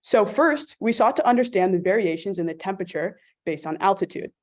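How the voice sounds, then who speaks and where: A woman's voice: mid-range voice, animated, brisk. Woman presenting a student project. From California. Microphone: video call.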